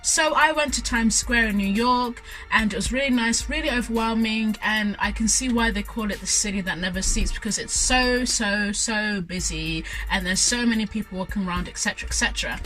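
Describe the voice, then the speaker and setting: A young woman chats through a vlog in an eager, gushing way, full of "like" and "so yeah." Her pitch sits mid-range, and soft music plays faintly underneath. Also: fairly quick, hardly any pauses, poor audio. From Zimbabwe. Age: young adult. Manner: gushing, enthusiastic, lots of fillers. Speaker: student vlogger. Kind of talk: casual vlog storytelling.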